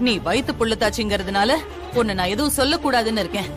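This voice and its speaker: A woman's voice: on the high side, lively intonation, quick pace, close to an everyday voice. An actress playing a domineering mother-in-law who scolds in a harsh, commanding way, in a TV serial. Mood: stern. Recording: TV serial with loud music under it.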